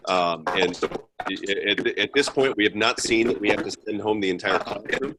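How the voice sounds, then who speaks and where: A man speaking over a video call as a school administrator, talking haltingly with frequent restarts while his audio cuts in and out. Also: fairly low pitch, background noise. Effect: audio cutting out, dropping in and out. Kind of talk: presenting to a school board in a webinar.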